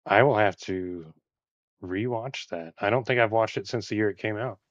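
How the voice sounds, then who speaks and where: Building Lego on a live stream, a Texan man chats casually in a fairly low voice at normal speed, relaxed and rambling with plenty of fillers. The sound is lo-fi with no room sound.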